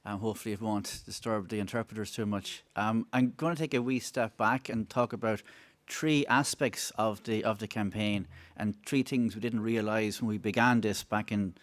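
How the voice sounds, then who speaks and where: A man's voice: lowish voice, normal speed, few pauses. A middle-aged man with a thick Wexford Irish accent, giving an informal, wry conference talk into a table microphone. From Wexford, Ireland. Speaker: campaign speaker on a panel. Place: conference room, seated at a table. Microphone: gooseneck table microphone.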